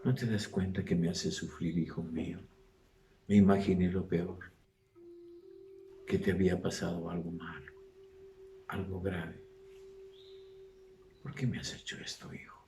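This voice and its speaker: A man voicing a gentle, sorrowful mother softly pleading with her son, in an echoey room. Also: deep voice, little pitch movement, measured pace, long pauses, far from the mic, soft background music, pitched below the performer's own voice. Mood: tender. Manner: whispered, pleading.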